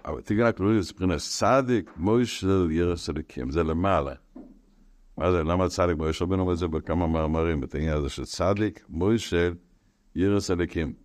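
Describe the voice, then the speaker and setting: Man teaching Torah, very deep voice, animated and repetitive, dry close sound. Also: no echo. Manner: animated, repetitive, rising to emphatic outbursts.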